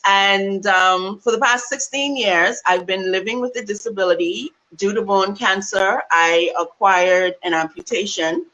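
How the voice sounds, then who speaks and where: A Bahamian woman speaks as an interview guest, her voice bright and forward. She talks in a warm, upbeat and articulate way, heard over a video call. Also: mid-range voice, unhurried, few pauses, poor audio. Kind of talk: interview talk.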